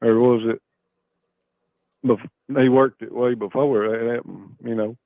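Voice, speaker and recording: A man's voice: mid-range voice, fairly even intonation, unhurried, no echo. Appalachian man on a phone line. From Kentucky, USA. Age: middle-aged. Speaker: caller. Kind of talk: casual chat. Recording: muffled, band-limited phone call.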